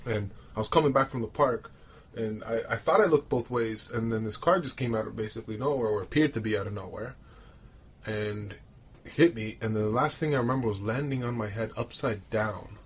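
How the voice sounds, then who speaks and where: Speaking fairly quickly in a low, slightly rough voice, a Romanian-born podcast co-host who relocated to Canada as a child chats casually and shares rambling, colloquial stories from his own life.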